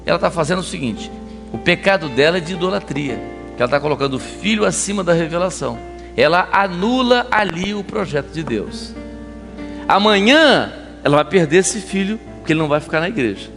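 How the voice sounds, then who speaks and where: A male pastor giving a conversational sermon, animated and telling stories while acting out the scenes. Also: fairly high pitch, brisk, creaky, long reverb tail, soft background music. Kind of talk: sermon with storytelling. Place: church.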